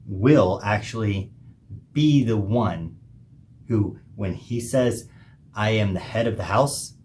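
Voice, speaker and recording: A man with a lowish voice delivers an emphatic, preachy monologue as a podcast host, pausing between phrases. Faint noise hums behind him. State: hiccuping. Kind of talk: opinionated monologue.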